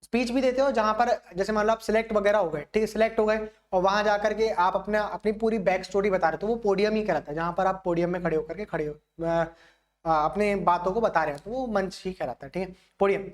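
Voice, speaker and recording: A young man teaching exam vocabulary, explaining each word with everyday examples and asking the class often if it is clear. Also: sits high, fast. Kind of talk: vocabulary lesson.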